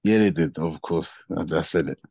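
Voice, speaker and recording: Deep-voiced young London roadman, slangy. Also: normal speed, a little mellow, husky, dry recording. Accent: London, urban roadman slang. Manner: slangy, sweary. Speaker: football podcast co-host. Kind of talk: casual banter about football.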